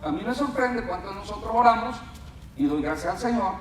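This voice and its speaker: A man preaching a sermon in a church, telling stories in a lively way and often calling his listeners brother. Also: high voice, a little fast, distant mic. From Latin America. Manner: storytelling, animated, addresses listeners as brother. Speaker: pastor. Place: church hall. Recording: echoey hall mic, speaker off-mic at times.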